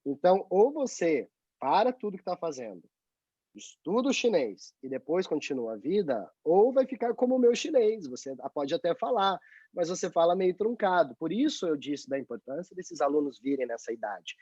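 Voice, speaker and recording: Speaking at normal speed with a husky, slightly high voice, this Brazilian Portuguese-accented guest is a journalist abroad being interviewed over video call. He talks casually and with animation, tossing in tag questions; the call audio is dry, dull and lo-fi.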